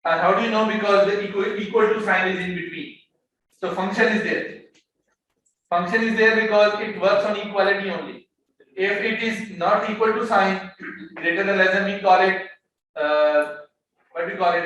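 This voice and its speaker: Recorded far from the mic in a very echoey room with faint background noise, this economics lecturer explains things step by step. He blends English with Hindi-Urdu and tends to repeat words as he looks for what comes next. His voice sits high with a fairly bright tone, and the audio is dull.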